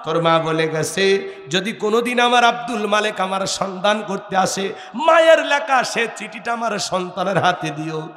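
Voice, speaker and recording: A man's voice: high-pitched, expressive, moderate pace, fairly bright tone. A male preacher voicing a kindly old village aunt who tearfully consoles a grieving son. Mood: consoling. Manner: weeping, consoling sing-song. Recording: echoey hall, long reverb.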